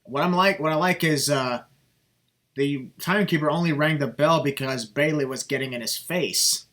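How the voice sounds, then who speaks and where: Young guy ranting on a podcast, bright forceful voice, swears a lot, lots of ums. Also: on the high side, moderate pace. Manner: heated, swears freely, many fillers. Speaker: podcast host. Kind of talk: casual podcast chat.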